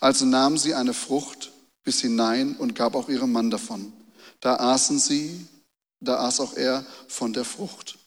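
A man's voice: mid-range voice, unhurried, long reverb tail. A man preaching a sermon and reading Bible verses, repeating key phrases and asking the listeners rhetorical questions. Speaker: pastor.

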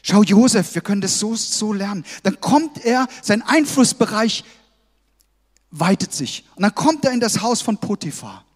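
A man delivers a sermon in a strikingly high voice, pressing his points with emphatic calls to the congregation. His words ring out with a long reverb from a large hall. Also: animated, moderate pace, slightly rough. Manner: emphatic, exhorting, with frequent "hey" calls to the congregation. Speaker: pastor.

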